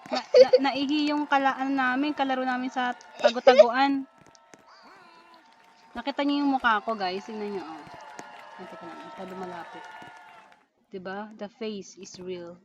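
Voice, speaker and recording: High-pitched mom on a lo-fi gaming recording, laughs a lot, scolds the kid for being loud. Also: female voice, fairly even intonation, moderate pace, pauses often. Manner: teasing, laughing, scolding the noise. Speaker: parent playing alongside her child. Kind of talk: casual gameplay chat.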